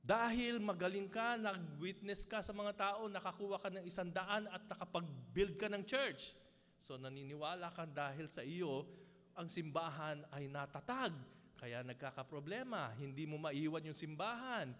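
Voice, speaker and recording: Filipino pastor giving a sermon, pretty high voice, stumbles and restarts a bit. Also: male voice, normal speed, fairly bright tone. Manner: admits to nervous stumbles and restarts. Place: church hall. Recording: long church hall reverb.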